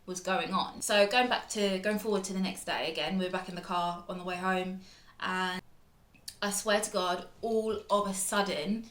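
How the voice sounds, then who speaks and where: A woman's voice: on the low side, steady tone, normal speed, fairly bright tone, echoey room. A young woman with a British accent telling a dramatic storytime vlog, chatty and full of fillers. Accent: British English. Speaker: vlogger.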